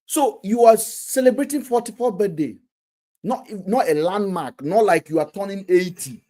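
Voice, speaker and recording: A man's voice: high voice, expressive, moderate pace, dark tone. A man hosting a casual live stream, talking animatedly and often restarting his words.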